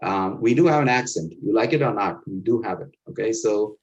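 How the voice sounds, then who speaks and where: Speaking a little fast in a fairly low, expressive voice, a middle-aged Indian man whose first language is an Indian language gives earnest career advice in an Indian accent. It's a motivational talk, instructive in tone, and he keeps punctuating his points with "right?". The audio is dull and lo-fi.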